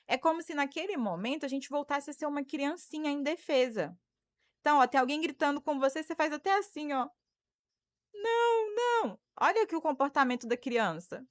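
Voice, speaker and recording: A woman's voice: sits high, fast, no echo. A woman in her thirties from Brazil, a psychologist hosting a live stream, giving advice and thanking viewers by name. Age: 30s. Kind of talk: live stream talk answering viewer comments.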